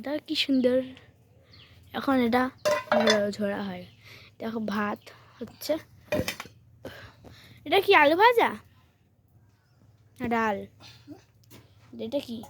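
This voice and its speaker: A woman giving a casual walking tour for her vlog. She talks straight to her viewers, keeps pointing things out, and films with a handheld phone outdoors in a village. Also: high-pitched. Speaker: vlogger. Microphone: handheld phone while filming.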